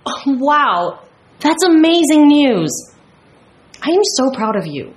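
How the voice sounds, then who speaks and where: A woman's voice: sits high, sing-song, slow, full character voice. A woman playing a friendly, polite young student in an acted language-lesson dialogue. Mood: warm, excited. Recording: roomy echo.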